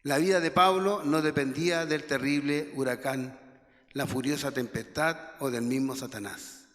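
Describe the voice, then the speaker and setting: A man's voice: medium pitch, normal speed, fairly bright tone. A man teaching a Bible lesson in church, reading verses aloud with small stumbles and checking in with rhetorical questions. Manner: reads scripture aloud with stumbles, asks the class rhetorical questions. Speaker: Sunday school teacher. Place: church hall. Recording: long hall reverb.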